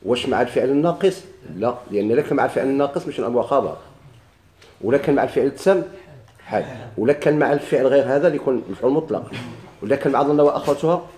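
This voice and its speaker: A man's voice: medium pitch, animated, racing, a little mellow. A man with a Moroccan Arabic accent teaching a grammar lesson to a class, putting questions to the students and answering them himself. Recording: echoey room.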